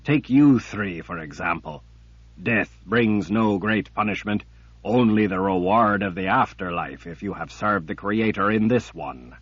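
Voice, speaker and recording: A man voicing a cruel, patient male emperor villain who speaks in a cold, deliberate, menacing way. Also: on the low side, fairly bright tone, husky, no room sound. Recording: dull lo-fi recording.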